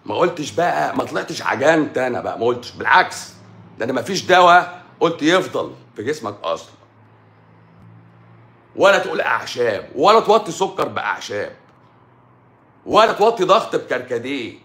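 A middle-aged man with an Egyptian Arabic accent speaks in a medium-pitched, sing-song, slightly bright voice at a somewhat quick pace. He's a doctor ranting combatively on a live stream, firing off rhetorical questions. The room is echoey.

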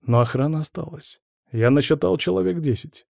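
A man reading an audiobook, voicing an observant male guest who talks in a quiet, measured way. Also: on the high side, creaky, no room sound, clean studio sound, voice pushed up. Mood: calm.

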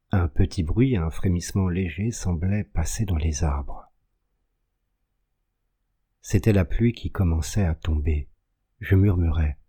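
A man reading a literary story aloud as an audiobook narrator, in a measured, dramatic storytelling manner. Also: low voice, mellow, slightly rough. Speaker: audiobook reader.

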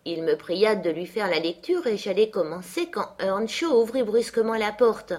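A woman narrating a classic novel aloud in a measured, expressive audiobook reading. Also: mid-range voice. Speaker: audiobook reader.

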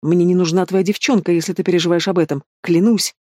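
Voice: medium pitch, fairly even intonation, fast, dark tone, dry recording, clean studio sound, close to an everyday voice. A reader voicing a cruel, mocking male demon who taunts and threatens in a theatrical tone. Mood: sneering.

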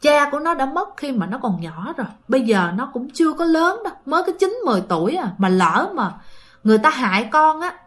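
A woman's voice: sits high, big pitch swings, brisk, few pauses, fairly bright tone, voice pushed up. A woman voicing an anxious widowed mother who prays tearfully. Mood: pleading. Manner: pleading, tearful in prayer.

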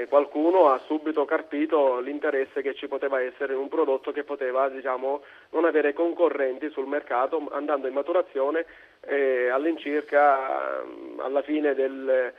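Halting Sicilian man on a tinny line. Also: mid-range voice. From Sicily, Italy. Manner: halting, searching for words with drawn-out hesitations. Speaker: interview guest, fruit producer. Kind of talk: unscripted radio interview answers. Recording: narrow tinny phone-like line.

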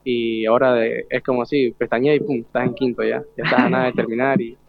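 Over a tinny, phone-like live broadcast line, a 17-year-old Argentine student guest chats casually in an interview. He tells his stories informally and youthfully, his medium-pitched, gravelly voice level in tone and quick in pace.

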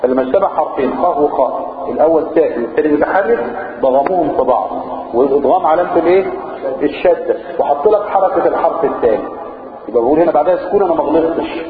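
A man with an Egyptian Arabic accent teaching Quran recitation rules, chanting the verses slowly and quizzing his students between quick explanations. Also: a little high, expressive, a crowd in the background. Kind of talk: explaining tajweed rules in a lesson. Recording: echoey room over a tinny phone-like line.

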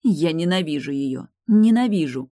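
A woman's voice: sits low, fairly quick, warm tone, dry recording, lightly acted. A reader voicing a grieving, furious woman guard officer, in an audiobook with a dry sound. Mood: angry. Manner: bitter, outraged outbursts. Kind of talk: audiobook dialogue reading.

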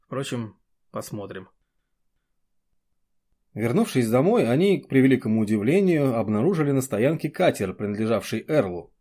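A man narrates an audiobook in an even, quiet reading voice of middling pitch. The delivery stays steady and scripted. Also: slightly rough.

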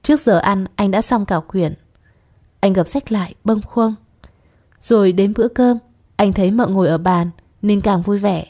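A woman narrating a literary short story in a steady, storytelling voice. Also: mid-range voice, moderate pace. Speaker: audiobook narrator. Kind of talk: scripted narration.

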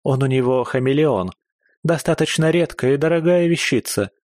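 Man doing a scolding young woman, high chiding voice, audiobook character, dry recording. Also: animated, normal speed, a little mellow, no room sound, close to an everyday voice. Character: sharp-tongued young woman, scolding companion.

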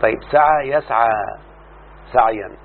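A man with an Egyptian accent teaching a classroom lesson, explaining slowly and often checking that his students follow. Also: medium pitch. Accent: Egyptian Arabic. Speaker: teacher of Arabic morphology. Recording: tinny lo-fi line with faint hum.

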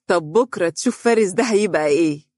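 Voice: medium pitch, quick pace, a little mellow, dry recording, clean studio sound, natural voice. A narrator voicing a fussy, middle-aged mother who scolds her son, with an Egyptian accent. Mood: reproachful. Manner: reproachful, emotional.

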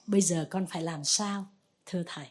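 A woman's voice: on the low side, fairly quick, voice pushed down, lightly acted. A woman voicing a troubled male lay Buddhist disciple who pleads and defends himself.

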